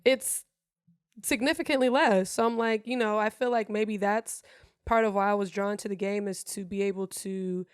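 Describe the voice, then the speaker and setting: In a casual interview, a guest streamer from Germany rambles bluntly in English, her second language after German, swearing without hesitation. Her mid-range voice is steady, smooth, and moderately paced, and the close recording has no room sound.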